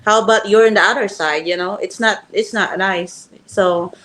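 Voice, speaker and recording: A woman from Cebu with a Filipino accent, a guest telling her story in lively, simple, broken English. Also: medium pitch, moderate pace. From Philippines (Cebu). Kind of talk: casual storytelling interview.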